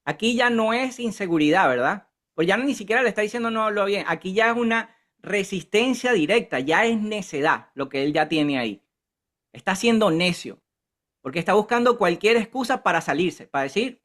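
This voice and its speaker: A man's voice: sits high, fairly bright tone. A man teaching a Bible study in a conversational way, often checking in with his listeners. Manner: conversational, keeps asking the group "¿verdad?".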